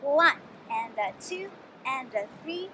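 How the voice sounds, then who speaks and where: A woman's voice: high voice, expressive, slow pace, pushed and bright, a little hiss or hum, poor audio. A woman outdoors carefully explaining a dance routine step by step. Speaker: dance instructor. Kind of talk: dance tutorial.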